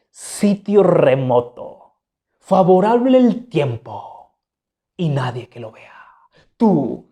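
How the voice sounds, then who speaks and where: A storyteller voicing a stage actor who plays a poisoner, reciting slowly and solemnly in old theatrical verse. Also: medium pitch, vocal fry, dark tone. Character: scheming male stage actor playing a poisoner, grim.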